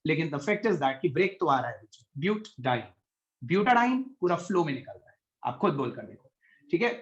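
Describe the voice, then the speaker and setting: Man, chemistry teacher, high voice, slightly muffled online class audio, patient explaining. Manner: patient, explaining in Hindi mixed with English; questions students by name.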